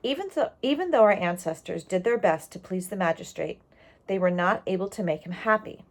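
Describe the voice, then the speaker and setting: A woman with a medium-pitched voice reads a storybook aloud expressively. She explains as she goes, lingering on key words and adding asides for young listeners.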